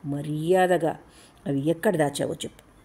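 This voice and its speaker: A woman's voice: low-pitched, fairly even intonation, normal speed, mellow, husky. A woman voicing a menacing male gold smuggler who taunts and orders people around. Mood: taunting. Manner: taunting, commanding.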